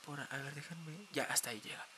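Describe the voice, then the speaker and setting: Bright-voiced Mexican streamer, playful. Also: male voice, on the high side, quick pace, a little hiss or hum. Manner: playful, dramatic, shrieks and swears often. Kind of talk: casual live stream chat.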